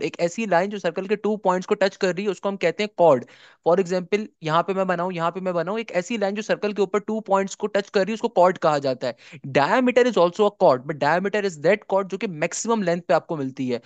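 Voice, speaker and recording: A man's voice: sits high, clear, resonant tone, no echo. A young man, tutoring for an entrance exam, walking through each step and answering his own questions. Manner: explains step by step, asks and answers his own questions, calls students son. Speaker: math tutor. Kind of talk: exam-prep math lecture.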